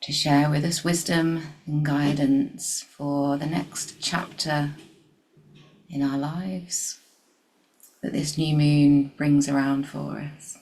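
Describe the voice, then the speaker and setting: Speaking very slowly in short phrases separated by long pauses, a woman guides a meditation. Her low, quite level pitch carries a gravelly fry and barely moves, and her soft, soothing voice sometimes thins toward a breathy whisper. The recording quality is low.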